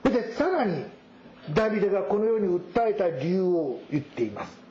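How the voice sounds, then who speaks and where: A male pastor preaching a sermon, reading scripture verses and explaining them at a measured pace. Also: high-pitched, sing-song, dark tone, slight background noise. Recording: roomy echo, dull sound.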